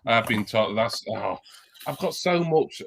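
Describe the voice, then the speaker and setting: A man's voice: mid-range voice, animated, measured pace, vocal fry, fairly bright tone. A man in casual chat on a livestream call, meandering and thinking aloud as he talks.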